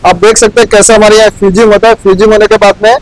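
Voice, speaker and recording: Casting: young man, high-pitched, plain step-by-step explainer, big factory floor, clip-on mic. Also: flat delivery, very fast, dry recording, low-quality recording. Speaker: factory guide. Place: large indoor garment factory floor.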